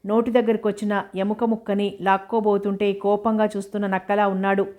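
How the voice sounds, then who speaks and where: Female audiobook narrator; steady, measured novel reading with very little pitch movement.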